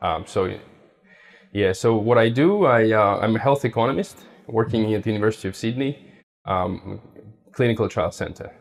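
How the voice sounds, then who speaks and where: Halting man, low voice. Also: creaky. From Russia. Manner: halting, searches for words, frequent restarts. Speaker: patient interviewee. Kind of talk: casual interview answers.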